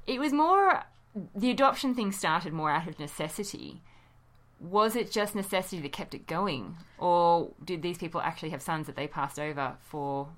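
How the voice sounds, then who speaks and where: A woman's voice: fairly low pitch, expressive, normal speed, a bit bright. A woman co-hosting a podcast, chatty and wry, often hedging with "you know" and laughing. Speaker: podcast co-host. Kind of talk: casual podcast chat.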